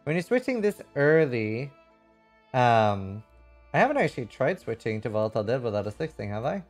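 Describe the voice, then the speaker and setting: A male livestreamer gives casual live game commentary, reading chat and thinking aloud in a frank, rambling manner with some casual swearing. His mid-range voice is very animated and brisk, and faint music plays behind him.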